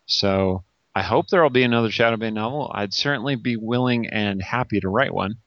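A novelist guest chats about his books in an easygoing, self-mocking way. He is a man with a fairly low voice, full of ums and small laughs. His sound is dull and lo-fi. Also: a little fast, no echo. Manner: chatty, self-deprecating, lots of ums. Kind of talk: casual podcast chat.

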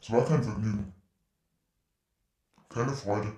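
An actor playing a calm, menacing male killer in a German radio play, speaking a low, brooding monologue. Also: slow, echoey room. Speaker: killer heard on a cassette tape.

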